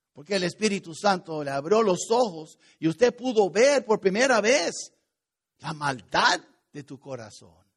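High-pitched man preaching with rising fervor. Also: breathy edge. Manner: preaching with sudden rises and drops in loudness. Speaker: pastor. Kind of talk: sermon.

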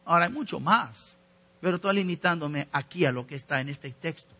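A man preaches a sermon to his congregation, earnest and exhorting as he turns to his listeners. His voice sits high with a gravelly fry. The tone is bright but husky. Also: brisk. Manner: earnest, exhorting, addresses listeners directly as brothers. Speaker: pastor.

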